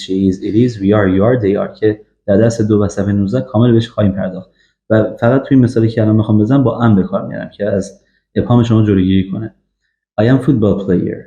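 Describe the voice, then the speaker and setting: Man, English teacher, very dark low voice, slow drilled examples, echoey lo-fi recording. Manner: slow, repeated drill examples with frequent fillers. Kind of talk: grammar lesson. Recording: echoey, dull lo-fi room recording.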